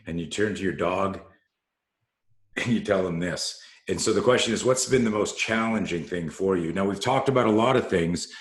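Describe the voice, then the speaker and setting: A male podcast host asking questions in a laid-back, rambling way. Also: deep voice. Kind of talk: casual interview questions. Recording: echoey room.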